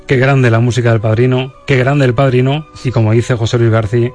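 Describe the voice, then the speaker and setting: A man's voice: mid-range voice, fairly even intonation, brisk, a little mellow. A man hosting a radio show in a polished presenting style. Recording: music bed behind the voice.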